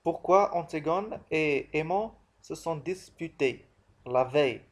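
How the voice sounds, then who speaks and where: A man's voice: a little high, animated, slow pace. A man teaching a literature lesson, working through questions and answers in a didactic way and repeating key phrases.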